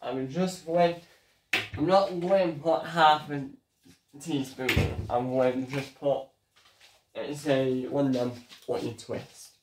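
A young man hosting a casual home cooking vlog, chatty and halting as he talks while cooking in a small kitchen. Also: medium pitch, fairly even intonation, noisy background. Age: young adult. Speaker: home cooking show host. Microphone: fixed camera across the room. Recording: echoey kitchen, voice from far off.

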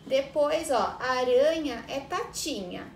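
A woman teaching a recorded lesson to young children, slow and patient, pointing things out and checking in often. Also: high voice, expressive, vocal fry. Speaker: preschool teacher. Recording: echoey room with faint noise.

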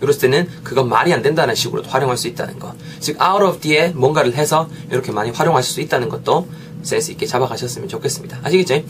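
A man teaching English phrases in a lively way, saying each sentence slowly for learners to repeat. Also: medium pitch, noisy background. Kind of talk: English lesson.

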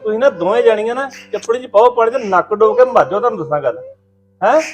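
A man's voice: high voice, fast, soft background music, natural voice. A man playing a stern but loving old grandfather, in a family web drama. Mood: angry scolding. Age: older. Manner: scolds sharply, then coaxes the child tenderly.

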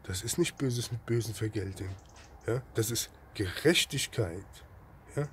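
A man's voice: a little slow, slight background noise. Fervent man preaching with rhetorical questions. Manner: rhetorical questions with constant tag "ja?"; swings between loud outbursts and low murmurs. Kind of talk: impassioned religious rant.

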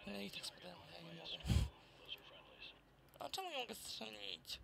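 A man's voice: high voice, animated, moderate pace, creaky, noisy background. A man giving muttered, sarcastic let's play commentary as he plays a shooter. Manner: muttering, sarcastic remarks to viewers.

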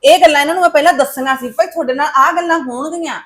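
A woman's voice: sits high, rapid-fire, natural voice. A woman playing a blunt, scolding mother-in-law in a Punjabi drama. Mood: defensive.

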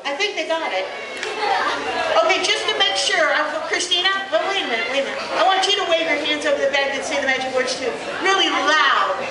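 A woman's voice: high-pitched, animated, fairly quick. A woman performing as a kids party magician, playfully coaxing children along with stage patter. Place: open-sided outdoor pavilion stage with audience. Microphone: stand microphone heard through far camera. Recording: echoey pavilion from far off, noisy crowd. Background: loud crowd noise.

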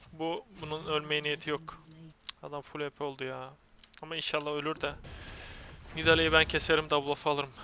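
An excitable young man gives live commentary over his game, swinging between mock curses and exasperated rants at opponents. His voice sits high for a man and comes across bright and piercing. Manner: excitable, taunting and ranting at opponents. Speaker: game streamer.

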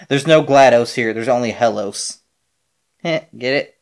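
A man casually commentating his own shooter playthrough, animated and swearing, cracking jokes. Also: mid-range voice, unhurried. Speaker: gamer playing through a shooter.

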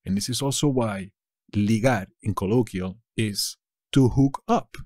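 A man's voice: on the low side, slow pace, a little mellow, no room sound, studio quality. A man from Spain with a Spanish accent teaching Spanish in English, playful and full of jokey asides. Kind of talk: language lesson for English speakers.

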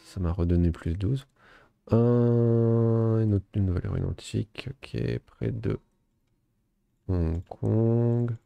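A man's voice: fairly low pitch, slow pace, vocal fry, pauses often, warm tone, no echo. A man casually commenting on a strategy game as he plays, thinking aloud with many fillers. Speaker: gaming video host. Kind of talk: casual let's play commentary.

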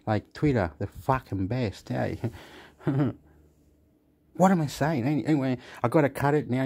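Narrating a phone screen recording, this Australian-accented vlogger wanders through his commentary, saying things twice and starting words over. He has a dark tone in a mid-range male voice.

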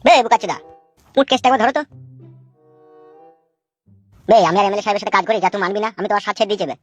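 A woman's voice: medium pitch, rapid-fire, faint music behind, close to an everyday voice. A woman playing a crude, swearing village man, in a comedy skit. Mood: bantering. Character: crude swaggering village man, brother-in-law.

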